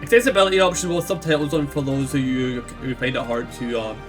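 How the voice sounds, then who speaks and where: A man's voice: mid-range voice, quick pace. A man with a thick Scottish accent, chatting casually through a game he plays, rambling with lots of fillers. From Scotland. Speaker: gaming YouTuber. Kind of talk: casual let's play commentary. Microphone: echoey home mic. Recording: slightly echoey mic, faint game music.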